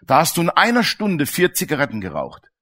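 A man delivering a sermon, his voice sitting a little high for a man. He tells stories in plain everyday speech and keeps asking his listeners questions. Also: huge pitch swings, fairly quick, fairly bright tone. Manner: colloquial, storytelling, asks the listeners questions. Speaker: preacher.

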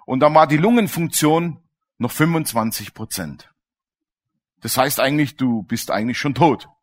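A man's voice: medium pitch, expressive, normal speed. A man preaching a sermon in a colloquial, storytelling way, turning to his listeners with questions. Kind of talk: sermon with personal stories.

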